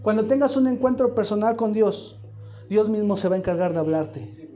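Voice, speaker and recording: Emphatic male preacher, mellow tone. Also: high voice, lively intonation, normal speed, soft background music. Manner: emphatic, asks the congregation repeated questions. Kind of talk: sermon. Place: church hall, live congregation.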